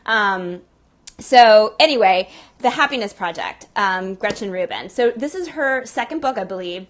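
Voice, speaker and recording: A woman from Southern California with a Southern California accent, hosting a casual livestream from a Pilates studio and chatting in a rambling way full of fillers. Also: mid-range voice. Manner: chatty, rambling, many fillers, reads viewer comments. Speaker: livestream host.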